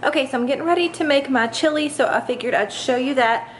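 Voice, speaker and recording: Young woman, home vlogger, a bit higher voice, casual and chatty, handheld camera sound indoors. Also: fast talker, loud music behind the voice. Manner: chatty, upbeat, lots of fillers. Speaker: lifestyle vlogger. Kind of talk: casual home tour chat. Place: large home kitchen and dining room, indoors. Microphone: handheld camera mic.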